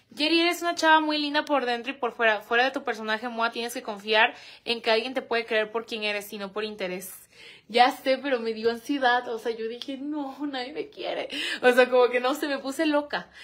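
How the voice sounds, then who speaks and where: Chatty Mexican woman, high voice. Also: fairly bright tone. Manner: chatty, dramatic, reads viewer comments aloud. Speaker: livestream host. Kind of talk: casual livestream chat.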